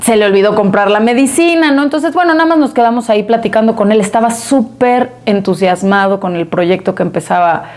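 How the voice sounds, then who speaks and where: A middle-aged woman with a Mexican accent, telling a story in a casual interview and filling it with pauses and tag questions. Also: mid-range voice, darkish tone. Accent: Mexican Spanish. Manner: conversational, many fillers and tag questions. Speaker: interview guest.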